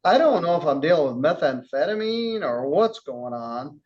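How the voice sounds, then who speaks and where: A man speaking as a judge to a defendant in court, calm but turning angry as he sternly scolds. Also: a little high, moderate pace, highs cut off.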